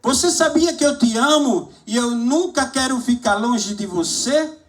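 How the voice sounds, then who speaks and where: A man's voice: very high voice, animated, measured pace. A man voicing a sensitive young boy pleading for love in a sermon story. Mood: earnest.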